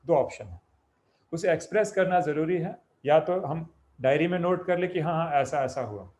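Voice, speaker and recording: A man gives an explanatory talk as a spiritual teacher. His voice sits a little higher than most men's. He builds the idea up step by step, glosses each term in plain words, and puts questions to the listener before answering them himself. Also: animated, moderate pace, darkish tone. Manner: explains step by step, repeats terms with Hindi glosses.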